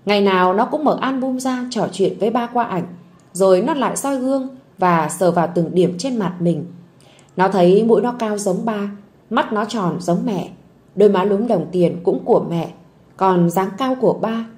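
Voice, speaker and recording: A woman narrating a story audiobook in a gentle, soft storytelling voice. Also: medium pitch, normal speed.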